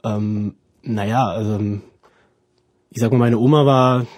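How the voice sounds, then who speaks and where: In a dry recording, a mid-range, darkish voice with fairly even intonation speaks a little slowly. It belongs to a Ukrainian student in his twenties who moved to Germany at about seven; as an interview guest he answers personal questions informally, groping for words and self-correcting.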